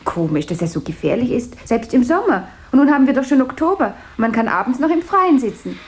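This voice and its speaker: A woman voices a flighty secretary in a 1970s German radio drama, her voice a little high, very animated, and brisk. Chatty and deferential, she rambles through small talk, anxious to placate, on a noisy period recording.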